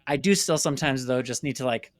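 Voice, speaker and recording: This man's mid-range voice moves fast, with no room sound in the recording. An American documentary filmmaker appearing as an interview guest, he earnestly and emphatically recounts reflective personal stories, repeating words for stress.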